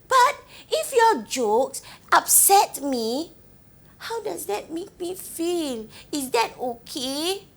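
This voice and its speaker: An actress with a Singaporean accent, playing a young woman who fondly recalls her island village childhood, gently telling her story and asking the listener questions. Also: very high-pitched, very animated, slow pace, vocal fry, heavily acted. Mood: reminiscing. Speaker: actor in a monologue. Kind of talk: theatrical storytelling monologue to the audience.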